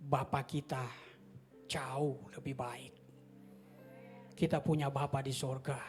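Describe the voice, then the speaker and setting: A man preaching a sermon as a pastor in a church hall, impassioned, swinging between near-shouts and whispers. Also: medium pitch, level tone, takes it slowly, faint music behind.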